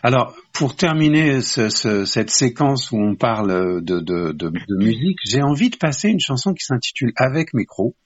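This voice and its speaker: Lively-pitched male radio interviewer. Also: normal speed, few pauses, breathy edge. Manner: enthusiastic, hesitant with restarts. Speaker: radio host. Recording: dull lo-fi radio sound.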